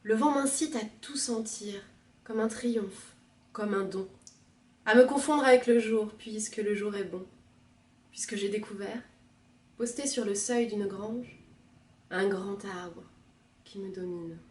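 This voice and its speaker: A woman librarian reading a poem aloud in a measured, soft expressive manner. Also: mid-range voice, distant mic. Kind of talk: poetry reading. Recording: roomy, from the mic.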